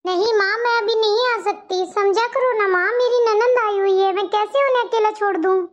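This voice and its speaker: A woman's voice: very high voice, fairly even intonation, normal speed. A woman voicing a caring young married woman in a cartoon story, earnest and pleading. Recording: dull lo-fi audio.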